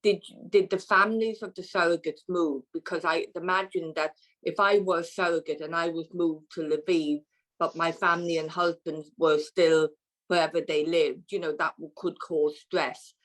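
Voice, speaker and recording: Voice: medium pitch, steady tone, moderate pace, fairly bright tone, low-quality recording. Polite voice asking a careful question. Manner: polite, thoughtful questioning with small restarts. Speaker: session participant asking a question. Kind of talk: asking a question on a video call.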